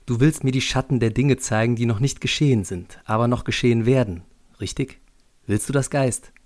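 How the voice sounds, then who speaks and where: A man's voice: medium pitch, brisk, darkish tone, lightly acted. A man voicing a stern older male senior teacher who speaks in solemn, earnest pleas. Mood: probing.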